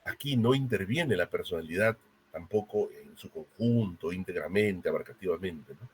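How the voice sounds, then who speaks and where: Low-voiced lecturer, explanatory, keeps asking "right?", slight room noise. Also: male voice, lively intonation, moderate pace. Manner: frequent tag questions, explanatory. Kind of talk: university lecture.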